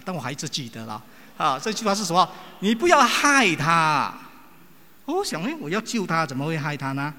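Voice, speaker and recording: Animated preacher man in an echoey hall. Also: fairly high pitch. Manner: animated, acts out quoted people. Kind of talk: sermon with personal stories. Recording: long reverb of a large hall.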